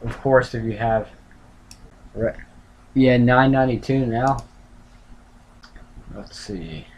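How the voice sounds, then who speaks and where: A man hosting a casual livestream, rambling and thinking aloud in a halting, self-correcting way. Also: medium pitch, a little mellow, low-quality recording. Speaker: livestream host tracking a tropical storm. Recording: clear background noise, room ambience.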